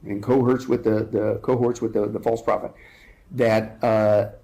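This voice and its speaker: A man's voice: fairly low pitch, level tone, a little slow, dark tone. A man speaking as a guest in an interview, urgent and emphatic, building his points with rhetorical questions. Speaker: guest speaker on end-times prophecy.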